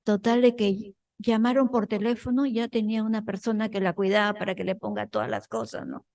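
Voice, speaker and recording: A woman from a parish group telling her own story to the group at an unhurried pace. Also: medium pitch, flat delivery, creaky, a little mellow, rough recording. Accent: Peruvian Spanish. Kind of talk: personal account in a group.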